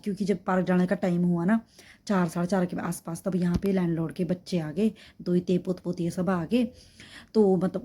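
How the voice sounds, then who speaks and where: A woman's voice: on the low side, mellow. A woman chatting casually in a home cooking vlog, rambling with many fillers and restarts, recorded on a phone in her kitchen. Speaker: vlogger.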